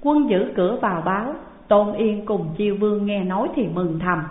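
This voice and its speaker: A woman reads a classical tale aloud at a slow, measured pace. Her voice sits at a middle pitch and comes through thin and phone-like, ringing in a long hall echo. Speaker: storyteller. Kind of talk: scripted narration of a classical tale.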